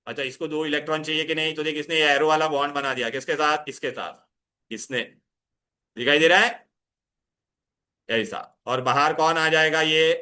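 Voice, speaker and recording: A male chemistry teacher in a classroom, his voice bright and forceful and pitched a little high. He keeps firing questions at his students, coaxing answers and mixing English terms into his talk. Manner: mixes Hindi with English terms. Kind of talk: classroom lecture.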